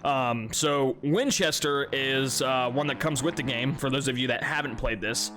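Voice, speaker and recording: Speaking at normal speed in a medium-pitched voice, this young YouTuber talks over his game replays while congested and sniffly. He rambles loosely, restarting often, dropping fillers and casual swears.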